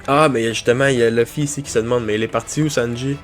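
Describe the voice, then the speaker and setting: A man's voice: mid-range voice, steady tone, fast, faint music behind. A man, tired, reacting casually to a manga chapter and thinking aloud. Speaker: manga reviewer.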